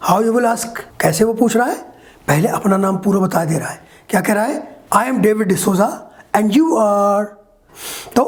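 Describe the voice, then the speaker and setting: Man teaching English in slow, careful lines. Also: high voice, a little mellow. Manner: explains in Hindi, reads English example phrases slowly and deliberately. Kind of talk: spoken language lesson.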